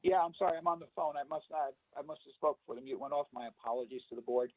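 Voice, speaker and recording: A man on a county staff, speaking over the phone to answer board questions at a public meeting, halting and restarting as he explains. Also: medium pitch, dry recording. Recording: tinny dry phone line.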